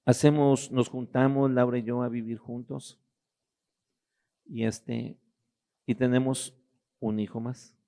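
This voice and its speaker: Gravelly middle-aged man, halting. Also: mid-range voice, level tone, warm tone. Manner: halting, searching for words with restarts. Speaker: guest giving a testimony. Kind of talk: personal testimony.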